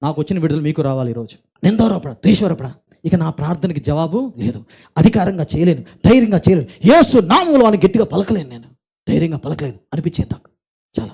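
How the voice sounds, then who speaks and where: Male pastor, sermon, high voice, quick pace, emphatic, repeats phrases. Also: big pitch swings, breathy edge. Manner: emphatic preaching that repeats phrases, swinging between quiet and forceful.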